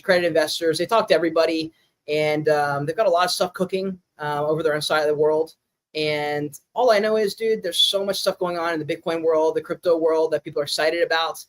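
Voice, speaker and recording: A man hosting a podcast, introducing his guest in a chatty, enthusiastic way. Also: a little high. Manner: chatty, enthusiastic slangy talk. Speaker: podcast host.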